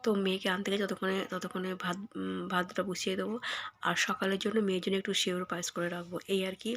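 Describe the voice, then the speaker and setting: A woman in her thirties with a hoarse voice from a cold, softly narrating her day at home in a casual vlog. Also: mid-range voice, flat delivery. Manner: soft and unhurried, with many fillers. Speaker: vlogger. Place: home, indoors.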